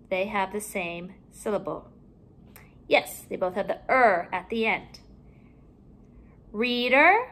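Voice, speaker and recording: A woman with a medium-pitched, slightly bright voice teaches young children a phonics lesson from home. She says each word slowly, stretching it out with careful enunciation.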